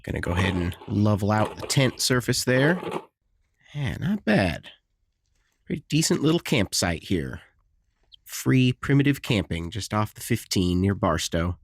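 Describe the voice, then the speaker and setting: Relaxed, chatty male travel vlogger. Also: on the low side, unhurried, gravelly. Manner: relaxed, chatty, easily impressed. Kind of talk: casual travel vlog narration. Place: desert campsite and caves outdoors.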